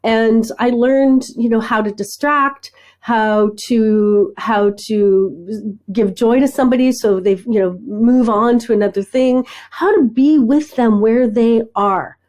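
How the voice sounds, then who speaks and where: A middle-aged woman with a fairly high but mellow, warm voice. She talks as a podcast guest, telling lively stories and asking "right?" along the way. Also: takes it slowly, hardly any pauses. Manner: animated storyteller, acts out dialogue, frequent "right?". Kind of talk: conversational interview.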